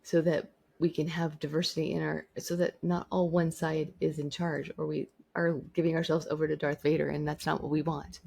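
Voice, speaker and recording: Speaking briskly with hardly any pauses, a woman vlogger delivers an opinionated monologue to camera, emphatically repeating her points. Her deep, husky voice is flat, a little mellow, with vocal fry.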